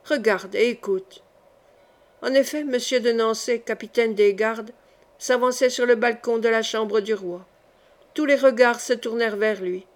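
Female audiobook reader, fairly high voice, dramatic read-aloud style. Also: steady tone, normal speed. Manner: dramatic reading, raising her voice for shouted lines.

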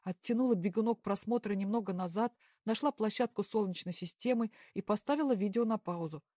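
A woman narrating a first-person story in a calm, even audiobook style. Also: medium pitch, fairly quick, no echo, studio quality.

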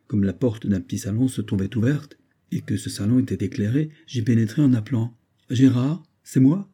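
A man narrating a classic story aloud in a measured, expressive way. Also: lowish voice, husky. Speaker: audiobook narrator. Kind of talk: literary story reading.

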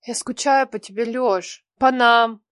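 A man's voice: extremely high pitch, unhurried, fairly bright tone, clean tone, no room sound, studio quality, voice pushed up. A man voicing a prim ex-wife who pleads and bristles, raised well above his own voice in an audiobook. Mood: pleading. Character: ex-wife, prim, pleading then defiant woman.

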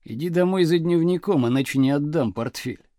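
A man voicing a stern, irritable male geography teacher who presses and booms at his class. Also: fairly quick, dark tone, no echo, studio quality, close to an everyday voice. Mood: contemptuous. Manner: booming, pressing.

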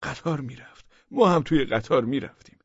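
A man's voice: medium pitch, expressive, gravelly, slightly rough, dry recording, voice pushed up. A man voicing a short, flustered gendarme who tells his story in a breathless, pleading way. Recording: dull lo-fi dry audiobook recording.

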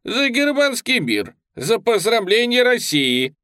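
A squealing, high-pitched soldier who whines and clowns, his voice cracking upward as he wails his complaints. A man plays him while reading the story aloud. The voice is close and dry, with no room around it. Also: big pitch swings, slow pace, a bit bright, no echo, full character voice. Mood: impassioned. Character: shell-shocked beggar soldier, shrill, whining, crippled.

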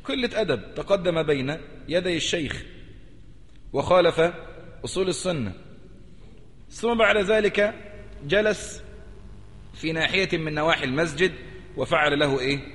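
Egyptian sheikh teaching a religion class, kinda high voice, keeps repeating stuff and telling u to pay attention, long echo like a big hall. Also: male voice, expressive, moderate pace, pauses often, fairly bright tone, breathy edge. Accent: Egyptian Arabic. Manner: emphatic, repeats key phrases and urges listeners to pay attention. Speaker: sheikh teaching a creed lesson. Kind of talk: religious lesson, explaining a text.

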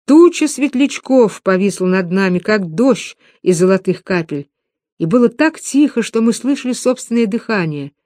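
A woman narrating a novel in a calm, reflective reading voice. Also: medium pitch, normal speed, no echo, studio quality. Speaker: audiobook narrator.

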